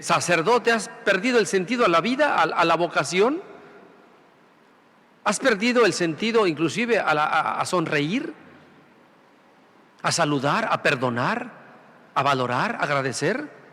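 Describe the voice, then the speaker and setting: In a large church sanctuary, a priest preaches a Sunday sermon built on rhetorical questions and repeated phrases. His voice is fairly high and fairly bright, trailed by a long reverb.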